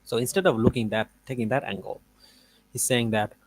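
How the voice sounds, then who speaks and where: A man's voice: medium pitch, fairly even intonation, a little fast, rough recording. Guy reacting to a debate clip, casual and argumentative, rambly with lots of fillers. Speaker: debate reviewer.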